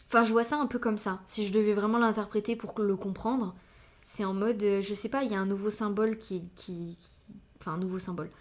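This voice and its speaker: A woman talks on her own podcast in a relaxed, unscripted way. She hesitates often and fills gaps with fillers and slangy tags. Even so, she states her views firmly as she thinks aloud. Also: medium pitch. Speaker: podcast host. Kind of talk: casual solo podcast talk.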